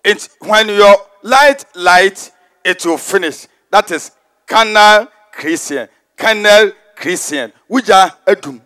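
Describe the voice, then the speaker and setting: Homme ghanéen qui prêche d'une voix aiguë. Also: male voice, high voice, animated, slow. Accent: Ghanaian. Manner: forceful, repetitive preaching, switches into English phrases. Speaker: prophet preaching. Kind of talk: sermon. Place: large stadium.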